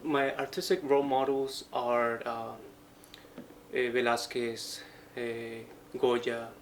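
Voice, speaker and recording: Background ambience is noticeable as a young Colombian man, a Franciscan friar studying painting, gives a reflective interview monologue. He's in his 20s, with an even, mid-range voice, and talks haltingly in short phrases.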